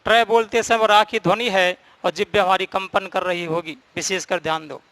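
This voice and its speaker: A man teaching a grammar class in a high, clear and crisp voice. He explains each rule step by step and stresses the key points, recorded close and dry with no room echo. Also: fairly even intonation, moderate pace, a bit bright. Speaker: Hindi teacher.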